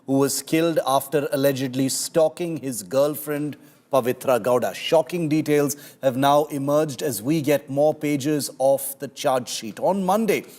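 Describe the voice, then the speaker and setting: A man's voice: mid-range voice, unhurried, a little mellow. A man with an Indian accent presenting the news emphatically and sensationally, drawing out key words. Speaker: news anchor. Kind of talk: dramatic scripted news presenting.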